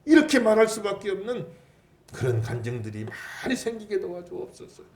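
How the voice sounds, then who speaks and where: A man preaching with rising emphasis, his voice set a little high. He calls the congregation to read and repeat after him. The sound carries the echo of a church hall. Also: sing-song, a little fast, a little mellow, far from the mic. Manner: emphatic preaching, leads congregation in responses and readings. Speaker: pastor. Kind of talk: sermon. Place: church sanctuary.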